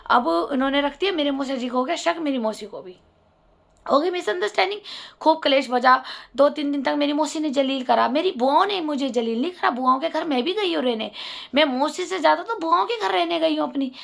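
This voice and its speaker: High, gravelly woman telling a story. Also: brisk. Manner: animated, acts out quoted voices. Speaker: vlogger. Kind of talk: personal storytelling monologue.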